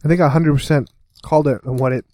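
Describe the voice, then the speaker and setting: A man's voice: fairly high pitch, fairly even intonation, rapid-fire, dark tone, no room sound. A man co-hosting a casual snack-review podcast, laid-back and teasing. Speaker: podcast co-host.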